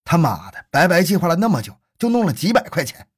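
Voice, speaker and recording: A man voicing a smooth-talking con man in a spoken crime story, close to his own voice. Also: lowish voice, brisk, a little mellow, no room sound. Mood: cursing. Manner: honeyed, then harsh.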